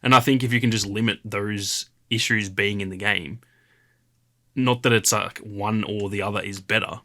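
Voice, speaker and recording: Bright-voiced casual gaming podcast man. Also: lowish voice, moderate pace. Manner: rambling, filler-heavy, animated retelling. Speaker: podcast co-host. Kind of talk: casual chat.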